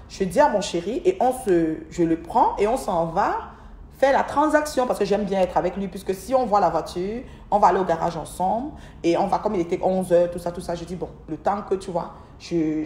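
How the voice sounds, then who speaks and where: A middle-aged woman tells a long, rambling story to her livestream viewers, often restarting and repeating words. Her voice has a middle pitch for a woman. The recording is echoey, as in a bare room at home. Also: dark tone. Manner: chatty, speaks straight to her viewers. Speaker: livestream host. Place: at home, by an aquarium. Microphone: livestream device mic.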